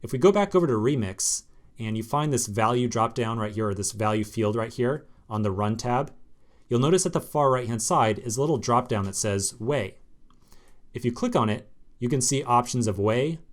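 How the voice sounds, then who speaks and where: A man's voice: mid-range voice, expressive, normal speed. A man teaching a screencast coding lesson, explaining step by step in a casual way with fillers. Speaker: programming instructor.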